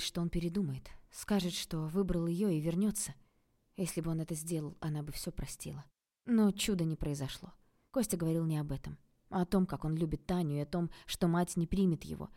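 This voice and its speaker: Calm woman narrator, low and dark-toned, reads prose evenly. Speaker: audiobook narrator. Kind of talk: scripted narration.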